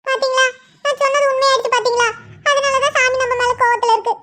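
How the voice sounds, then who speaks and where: A woman's voice: very high-pitched, little pitch movement, fast talker, sharp tone, pitched above the performer's own voice. A woman voicing a worried, devout grandmother in a cartoon, with a pleading manner. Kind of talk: cartoon voice acting.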